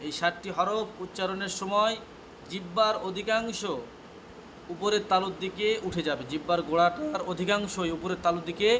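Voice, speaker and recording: A man with a high, bright voice teaches a class, firing short questions and answering them himself. He drills each point several times and spells out letter names slowly, one by one. The recording is made in a classroom, with clear background noise under his voice. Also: fairly even intonation. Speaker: Quran recitation teacher. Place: classroom with students present.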